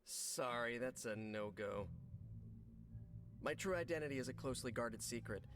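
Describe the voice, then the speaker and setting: A man's voice: mid-range voice, animated, moderate pace, music in the background, close to an everyday voice. A man voicing a young, eager superhero who talks in a jokey, self-deprecating way. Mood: guarded. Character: young, eager, chatty wisecracking male superhero.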